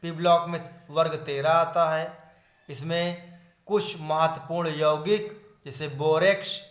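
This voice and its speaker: Echoey Hindi-speaking chemistry teacher. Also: male voice, fairly high pitch, a little slow. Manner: steady listing tone, repeating "not to study", addressing viewers as friends. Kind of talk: online exam-syllabus lesson.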